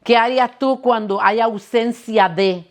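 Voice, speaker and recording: A woman's voice: fairly high pitch, unhurried. A woman pastor preaching a sermon, asking the listeners questions and restarting words now and then.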